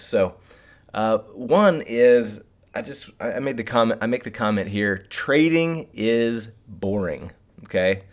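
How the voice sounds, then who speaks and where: Male live-stream host, lower-pitched, casual instructor talking straight to viewers. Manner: addresses viewers directly. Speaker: host of a live trading webcast.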